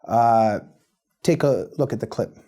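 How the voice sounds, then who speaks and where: A man delivering a political commentary monologue as the show's host. He speaks in a measured, pointed way with rhetorical questions, his voice mellow and dark. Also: mid-range voice.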